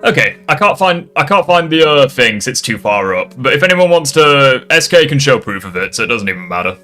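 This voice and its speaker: A man's voice: medium pitch, sing-song, fairly quick, pushed and bright, soft background music. A man giving casual, irreverent commentary as a YouTuber answering critics, swearing and rambling into asides.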